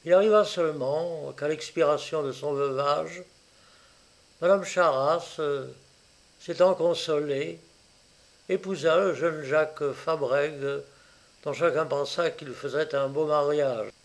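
A man slowly reading a detective story aloud, with occasional hesitations. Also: fairly high pitch. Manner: slow, deliberate reading with occasional fillers.

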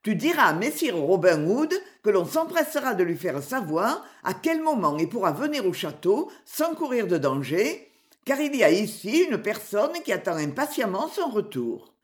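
A woman's voice: medium pitch, sing-song, moderate pace, natural voice. A woman voicing a cheerful, teasing teenage boy messenger in a read-aloud story. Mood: cheeky. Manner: teasing, chatty.

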